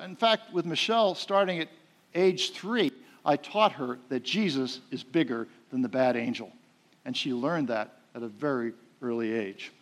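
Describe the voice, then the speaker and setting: Middle-aged guy preaching, folksy story style, lots of uh's, goes loud then quiet. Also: on the high side. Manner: folksy storytelling, swings loud and soft, frequent uh fillers. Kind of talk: sermon with personal story.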